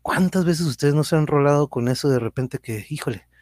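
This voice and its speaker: Chatty Mexican man, mellow dry voice. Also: on the high side, a little fast, no echo. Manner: chatty, greets viewers by name, uses Mexican slang. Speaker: podcast host and teacher. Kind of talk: casual live-stream chat reading viewer comments.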